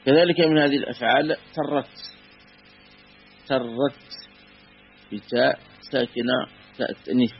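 A man teaching a classical grammar lesson, measured and patient, repeating and spelling out word forms slowly. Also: medium pitch, vocal fry. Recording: dull lo-fi recording with faint hum.

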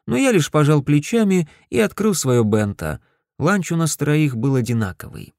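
A man's voice: on the high side, sing-song, moderate pace, a little mellow, no room sound. Man reading a first-person novel, dry. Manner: earnest, protective, increasingly heated. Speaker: audiobook narrator. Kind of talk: first-person audiobook narration.

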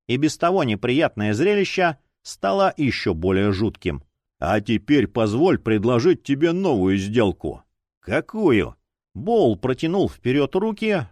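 A man narrating an audiobook in an expressive dramatic style. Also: mid-range voice, dry recording, studio quality. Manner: expressive, lively.

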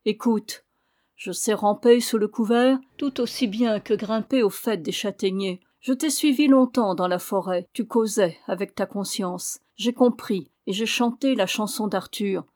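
A woman voicing a strange young albino man who speaks softly and sadly. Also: medium pitch, measured pace, natural voice. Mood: soft warning. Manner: soft, sad, knowing.

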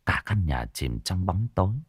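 A man narrating a ghost story in a dramatic style, dropping to a hush and then surging. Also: low voice, lively intonation, moderate pace, husky, no room sound, clean studio sound. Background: faint music.

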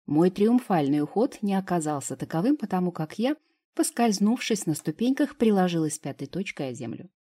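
Low, husky woman reading a novel. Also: very animated, a little fast, warm tone. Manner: wry, ironic storytelling. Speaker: audiobook narrator. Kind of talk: first-person novel narration.

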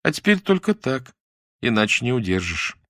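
A man's voice: medium pitch, very animated, moderate pace, a bit bright, dry recording, studio quality. A man reading an audiobook, voicing a practical young woman who speaks bluntly. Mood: knowing. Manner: blunt, matter-of-fact.

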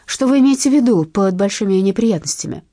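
A prickly, defiant young woman snapping back on the phone in an audiobook, voiced by the woman reading. Her voice is dark and husky, and it leaps around lively. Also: mid-range voice, fast, dry recording, studio quality, voice pushed up, close to an everyday voice. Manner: blunt, rude, irritable. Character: young red-haired heroine, sharp-tongued and defiant. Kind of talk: audiobook narration.

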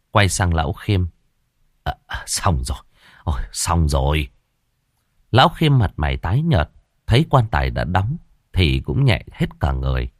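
A man with a deep, low voice tells a story with lively, rising and falling delivery. The sound is dry and close, with no room echo. He narrates expressively, leaning into each turn of the tale.

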